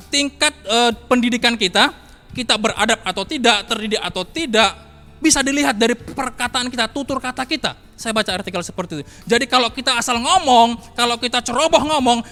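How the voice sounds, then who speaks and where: A man's voice: high-pitched, sharp tone, long reverb tail. A man preaching a morning devotional sermon, emphatic and repetitive, often calling out to his listeners. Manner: emphatic, repeats phrases, addresses listeners as saudara.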